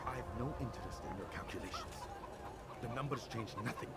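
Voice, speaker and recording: A man's voice: medium pitch, lively intonation, a little fast, close to an everyday voice. A man playing a cruel, domineering arms dealer with theatrical scorn in a video game drama. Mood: cold scorn. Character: cruel, menacing male arms dealer, quick to rage. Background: music.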